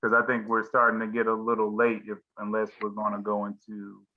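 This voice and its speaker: A man's voice: on the low side, monotone, brisk. A middle-aged man hosting a group discussion on a video call, talking casually and rambling with many fillers and restarts. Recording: slightly dull lo-fi call audio.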